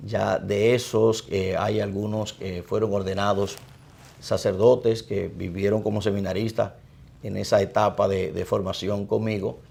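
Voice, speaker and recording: Speaking as a guest in an interview, a middle-aged Dominican priest recounts his life thoughtfully and deliberately. His low voice is gravelly and fry-laden, with a darkish tone, little pitch movement, and a Dominican Spanish accent.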